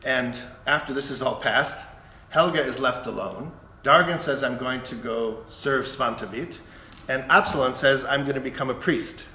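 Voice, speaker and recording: Man, conductor, casual storytelling, acts out quoted lines, bright tone, echoey room, faint hiss. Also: medium pitch, normal speed. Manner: relaxed storytelling, briefly acting out characters' lines. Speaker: conductor explaining an opera. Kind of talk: casual spoken introduction.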